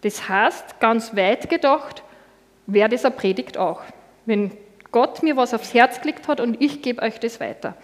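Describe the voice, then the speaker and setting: A woman's voice: fairly high pitch, measured pace. A woman with an Austrian accent preaching a sermon in a church hall, personal and conversational, often saying "genau".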